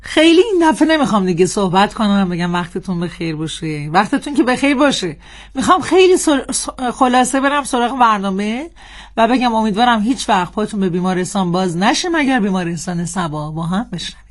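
A woman radio host introducing the program in a quick, chatty way. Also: medium pitch, expressive. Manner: rushed, chatty with restarts. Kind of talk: casual radio hosting.

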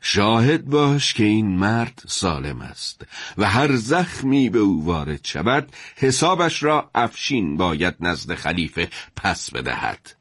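Dignified judge, measured and formal, dry close voice, a man doing the role, storybook. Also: fairly low pitch, sing-song, a bit bright, dry recording. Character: calm, careful male judge, dignified.

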